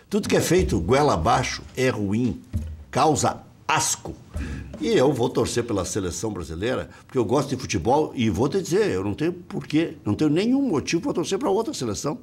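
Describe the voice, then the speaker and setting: A man's voice: medium pitch, very animated, brisk, slightly rough. Blunt, outspoken sports commentator man. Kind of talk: talk show debate.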